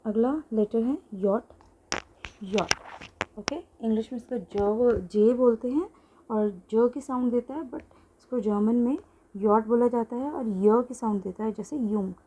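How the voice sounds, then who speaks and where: Casting note: female teacher, unhurried and patient, slightly husky, mellow tone, casual online lesson. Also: fairly high pitch. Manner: explains slowly and patiently, mixing in English phrases; writes on a board while explaining. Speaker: German language teacher.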